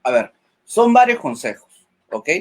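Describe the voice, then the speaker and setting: A man's voice: fairly high pitch, sing-song, unhurried. A man giving public speaking advice as a webinar guest, checking in with "ok?" after nearly every point and acting out short example lines. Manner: acts out example lines in a changed voice.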